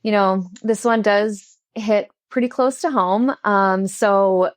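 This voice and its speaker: A woman's voice: medium pitch, takes it slowly, no echo, clean studio sound. A woman in her thirties, an engineer and company founder, talking candidly as an interview guest and telling personal stories with frequent restarts. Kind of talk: casual interview conversation.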